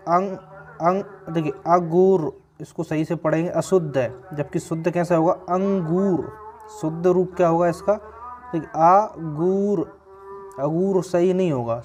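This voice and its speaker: Casting: male tutor, exam-prep lesson, slightly raised pitch, deliberate and explanatory. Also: a little mellow. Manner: explanatory, slows to stress words. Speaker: Hindi grammar teacher.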